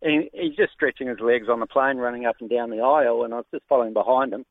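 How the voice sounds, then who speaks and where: A man from New Zealand calling in to a radio show, telling a story in a relaxed way. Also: mid-range voice, fast talker, no room sound. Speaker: caller. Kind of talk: phone-in anecdote. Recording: tinny phone line.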